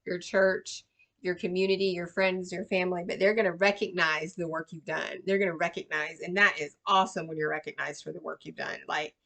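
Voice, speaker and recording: A woman's voice: on the low side, fairly even intonation, a little fast, gravelly, a bit bright. A woman giving a casual, reassuring tarot reading to viewers, chatty with lots of fillers and "right?" tags. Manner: chatty, reassuring, many fillers and tag questions. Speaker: tarot reader.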